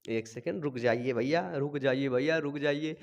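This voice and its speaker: A young man teaching biology in an energetic lecture, asking questions and answering them himself, with playful everyday examples. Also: medium pitch, normal speed, muffled recording. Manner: lively, keeps asking and answering his own questions.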